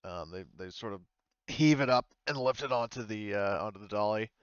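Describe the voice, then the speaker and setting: A man acting as game master for a tabletop roleplaying game narrates informally and haltingly, voicing the characters himself. His voice is on the low side, clear and resonant, with no room sound, though the recording is muffled.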